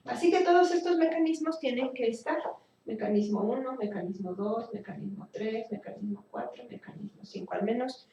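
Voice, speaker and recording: A woman teaching a speech therapy class, explaining slowly and thinking aloud with fillers and restarts. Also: on the high side, vocal fry, dark tone, a little hiss or hum. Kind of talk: recorded class lecture. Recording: echoey room, voice from a distance.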